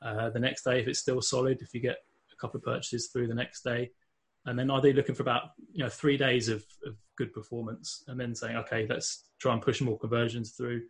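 A man with a London accent, from England, guests on a podcast, speaking briskly in a medium-pitched, level voice. His casual interview talk includes many fillers and restarts.

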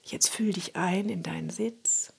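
Breathy woman whispering a slow guided relaxation. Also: fairly low pitch. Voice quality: breathy, husky. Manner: soft spa-like whisper, slow and soothing instruction.

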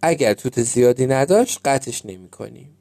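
A man's voice: medium pitch, lively intonation, creaky, mellow, no room sound. A man voicing an easygoing mustached park worker with a chainsaw in a storybook tale, talking casually. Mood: offhand.

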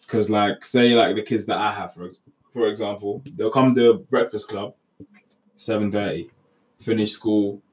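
A man's voice: lowish voice, steady tone, moderate pace, darkish tone. A young man with a London roadman accent, talking casually and meanderingly in slang. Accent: London, urban street slang. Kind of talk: casual group chat. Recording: distant mic with background noise.

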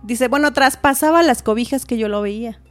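A woman's voice: a little high, brisk, soft background music. A woman, a podcast guest telling a personal story in casual talk, acting out what others said. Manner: animated, acts out quoted dialogue.

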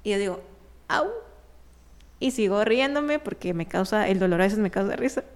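Smooth-voiced woman telling a story. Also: medium pitch, quick pace. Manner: animated, laughing as she tells it, with many fillers. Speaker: guest telling a personal story. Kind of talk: casual conversational storytelling.

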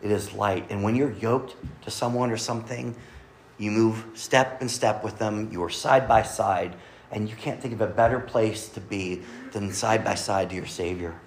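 A man preaching a Sunday sermon to a congregation, earnestly quoting scripture and often dropping to a soft, quiet delivery. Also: lowish voice, normal speed, a little hiss or hum. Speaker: pastor. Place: church service with congregation.

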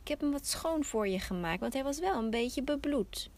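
A woman voicing a kind, welcoming old woman from a fairy tale, gentle and inviting. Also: high voice, animated, moderate pace, slight background noise, voice pushed up.

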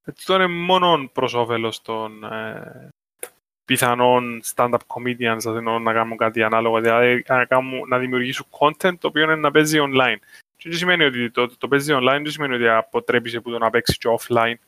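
A man's voice: medium pitch, steady tone, bright, forceful tone, smooth. A man with a Cypriot Greek accent, talking in a casual discussion. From Cyprus.

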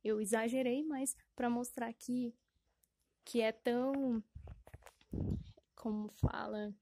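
Slow and mellow, a slightly high female voice with fairly even intonation carries a casual solo podcast. The host rambles, corrects herself, leans on fillers, and laughs at her own expense. A little hiss or hum sits in the recording.

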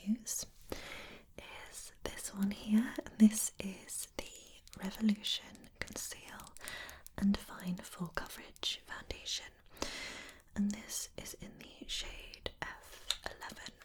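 A woman in a whispered role-play as a make-up artist, in a soft, breathy, layered whisper with a gentle, attentive manner. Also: medium pitch, flat delivery, slow, poor audio. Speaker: ASMR host playing a make-up artist.

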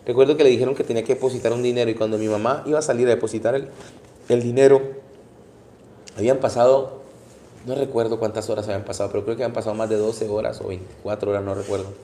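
Impassioned preacher, dark echoey voice. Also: male voice, medium pitch, steady tone, fast, a little hiss or hum. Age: 30s. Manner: impassioned, repeats words, acts out scenes. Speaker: pastor. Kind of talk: sermon. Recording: echoey room.

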